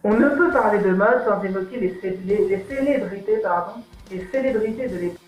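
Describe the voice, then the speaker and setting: A woman's voice: medium pitch, fairly quick, darkish tone. A woman narrating a fashion history vlog in a chatty, informal way and correcting her own slips as she goes. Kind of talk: voice-over narration. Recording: echoey room, mic at a distance, music underneath.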